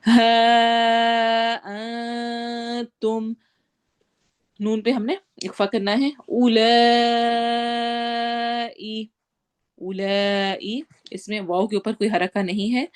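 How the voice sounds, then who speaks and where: A woman teaching tajweed, reciting Quranic verses slowly and drawn out, then explaining each rule in brisk Urdu with a Pakistani accent. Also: medium pitch, darkish tone. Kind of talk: tajweed lesson, slow chanted recitation between quick spoken explanations.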